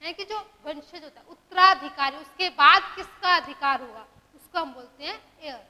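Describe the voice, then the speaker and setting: High bright-voiced woman teaching grammar. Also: long reverb tail. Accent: Indian English. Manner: asks questions and answers them herself, dictates examples slowly. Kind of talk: classroom grammar lesson.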